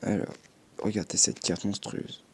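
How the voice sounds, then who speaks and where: A man's voice: deep voice, a little slow, creaky, a little hiss or hum. A young man chatting casually as a gaming YouTuber, commenting on his game with offhand swearing and little sound effects.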